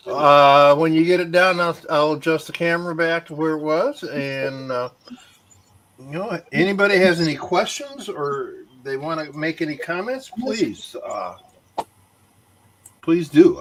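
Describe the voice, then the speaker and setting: A man's voice: fairly high pitch, animated, a little slow, fairly bright tone, a little hiss or hum. A chatty man talking through his craft project on a casual livestream, using many fillers. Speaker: woodworker guest.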